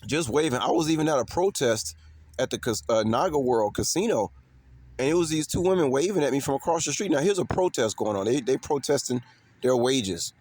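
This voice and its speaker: This Chicago vlogger talks off the cuff to his viewers in a medium-pitched, slightly mellow voice with a breathy edge. His delivery is lively and fairly quick, emphatic and repetitive, laced with street slang and swearing.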